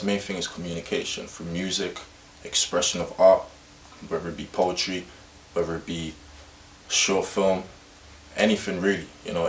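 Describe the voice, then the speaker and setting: A man from a hip-hop group explaining things in a measured way in a documentary interview, recorded in an echoey room from a distance with faint hiss. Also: sits low.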